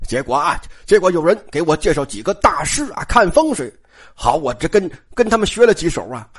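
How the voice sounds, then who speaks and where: Sly, glib older nobleman, put on by a storyteller, ingratiating and lively. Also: mid-range voice, fairly quick, slightly rough, voice pushed down. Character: sly smooth-talking older cousin.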